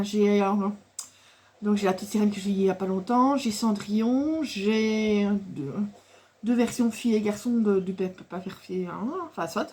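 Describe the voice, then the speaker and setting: Talking casually to camera about her craft haul, this woman has a medium-pitched, husky, slightly mellow voice. She's chatty and rambling, full of fillers and restarts, and she laughs a lot as she goes.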